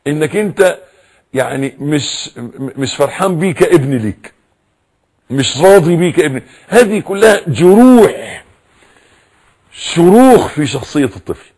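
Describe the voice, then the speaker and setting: A male preacher with an Egyptian Arabic accent lectures on raising children. His voice sits fairly high and sounds husky. His pitch leaps and falls freely as he acts out parents and children. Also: moderate pace, pauses often. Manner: animated, acts out quoted voices and repeats for emphasis.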